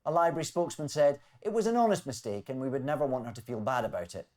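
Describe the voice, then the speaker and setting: A man hosting a comedy news quiz, reading scripted jokes with wry, deadpan timing. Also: mid-range voice, fast. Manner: wry, deadpan delivery of punchlines. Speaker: quiz show host.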